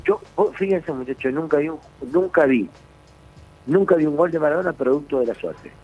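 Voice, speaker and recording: A former footballer with an Argentine accent tells his stories as a radio guest. His voice is husky and slightly rough, and he keeps restarting and repeating words as the anecdotes pour out. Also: a little high, fairly quick, soft background music, poor audio. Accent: Argentine Spanish. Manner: animated anecdotes, many restarts and repetitions. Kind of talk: radio storytelling.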